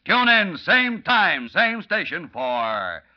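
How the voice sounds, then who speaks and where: Dramatic old-time radio announcer, swooping. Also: male voice, sits high, big pitch swings, takes it slowly, full character voice. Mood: urgent, excited. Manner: dramatic, theatrical delivery. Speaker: announcer and narrator. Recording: dull vintage radio recording, faint noise.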